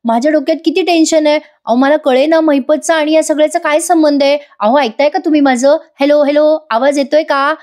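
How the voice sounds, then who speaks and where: A woman's voice: high voice, fairly even intonation, fairly quick, hardly any pauses, darkish tone, voice pushed up, lightly acted. A woman voicing an anxious young wife who pleads and questions in agitation. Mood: upset.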